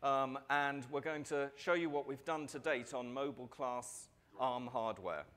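On a large conference stage, a middle-aged man reads through his prepared keynote at a lectern mic. A medium-pitched voice carries a calm, steady delivery with a few fillers here and there.

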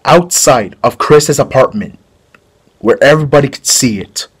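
A man's voice: medium pitch, normal speed, slightly rough, close to an everyday voice. A man playing a curious male questioner who coaxes a confession out of a friend, in an amateur home-video drama. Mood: coaxing curious. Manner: coaxing, probing questions.

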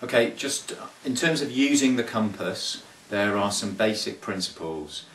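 A sailing coach in his thirties gives a casual lesson to camera from a small carpeted room, his low, animated, slightly bright voice caught by a camera mic a few feet away. He's thoughtful but hesitant, full of fillers and restarts. The audio is roomy and echoey, with a little hiss or hum.

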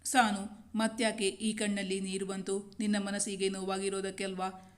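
A woman doing a gentle doting young husband. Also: mid-range voice, completely flat delivery, normal speed, natural voice. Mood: tender. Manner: soft, reassuring.

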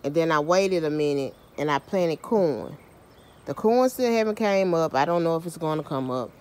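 Animated and darkish in tone, her low voice moves at a normal speed as she shows off her garden outdoors. This home gardener and vlogger films on a handheld phone camera, keeping things chatty and self-mocking with plenty of Southern US slang.

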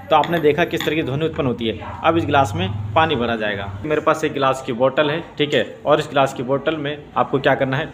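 A man teaching a science demonstration lesson, explaining step by step and filling pauses with "okay" and "friends". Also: a little high. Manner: repeats "theek hai" and "doston" often.

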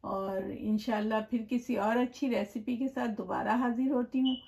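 A woman hosting her own cooking channel, explaining a recipe step by step in a gentle, chatty way, with blessings and greetings to her viewers. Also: a little high, fairly even intonation, moderate pace, creaky. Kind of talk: home cooking tutorial voice-over. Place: home kitchen.

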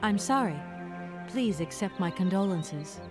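Brief: woman as an ambitious young female lawyer in a video game, courteous, calm, with music underneath. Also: mid-range voice, measured pace, natural voice. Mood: polite. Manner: polite, courteous. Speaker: game character.

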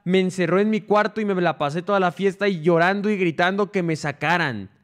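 A young man with a Mexican accent hosts a loose livestream and reads viewer stories aloud. His voice sits high and his talk is packed with slang and casual swearing. He laughs often between lines. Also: brisk, fairly bright tone. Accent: Mexican Spanish. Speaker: streamer.

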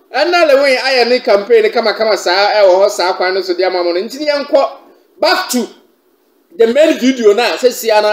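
Ghanaian man vlogging in an echoey room. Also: high voice. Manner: chuckling, mixing English with a local language. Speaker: video blogger presenting a trending clip. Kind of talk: vlog commentary. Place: indoors by a staircase.

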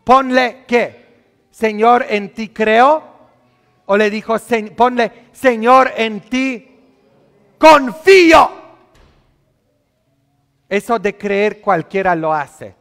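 A man's voice: high voice, slow, vocal fry, long reverb tail. A male priest giving a sermon, teasing and scolding the congregation with many questions. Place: church.

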